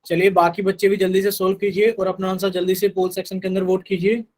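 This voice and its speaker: A man's voice: high voice, level tone, fast, a little mellow, poor audio. A man teaching a live online math class, patiently repeating instructions to his students.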